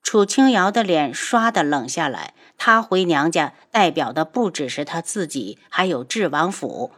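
Animated woman narrating a novel. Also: a little slow. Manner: animated storytelling with wide pitch swings. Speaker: audiobook narrator.

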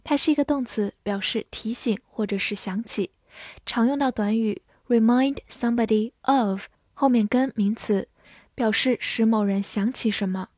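A woman's voice: on the high side, moderate pace, a little mellow, no echo. A woman giving a scripted vocabulary lesson as a teacher, over-enunciating carefully and repeating words for learners. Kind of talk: scripted instructional narration for learners.

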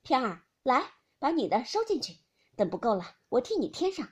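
A woman reading aloud as a bantering, sharp-tongued noble lady who scolds with a laugh. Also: high-pitched, big pitch swings, normal speed, husky, voice pushed up, heavily acted. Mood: teasing.

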